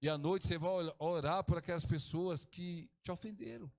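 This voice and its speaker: A middle-aged man from Brazil, preaching a sermon as pastor, swinging from hushed to exclaiming. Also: sits high, normal speed, vocal fry.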